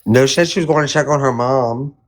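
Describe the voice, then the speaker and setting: A man's voice: medium pitch, fast talker. A man hosting a casual live chat, talking in a hesitant, rambling, colloquial way. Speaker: live stream host.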